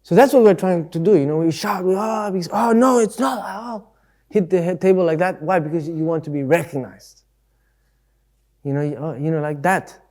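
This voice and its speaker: Male speaker, casual Dharma talk, conversational and full of everyday examples, slightly high voice. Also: steady tone, brisk, dark tone. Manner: acts out voices in quotes. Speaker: speaker at a Buddhist centre.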